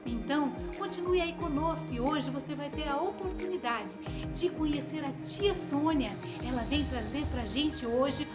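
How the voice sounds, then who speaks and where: A woman with a Brazilian accent and a bright, sing-song welcoming delivery, presenting Bible stories to children. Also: high-pitched, normal speed, few pauses. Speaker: host of children's Bible story show. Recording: loud music behind. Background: loud music.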